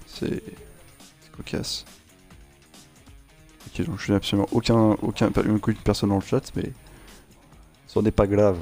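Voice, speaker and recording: A gaming channel host with a warm, fairly low voice speaks at a measured pace, pausing often and keeping his pitch fairly flat. He casually rambles and jokes through his racing gameplay with many fillers and restarts, over game sounds and music.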